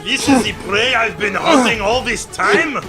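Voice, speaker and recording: A man's voice: sits high, unhurried, over loud music. A man playing a proud, fierce big-game hunter villain with grandiose, menacing delivery in a dramatic script table read. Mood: scornful.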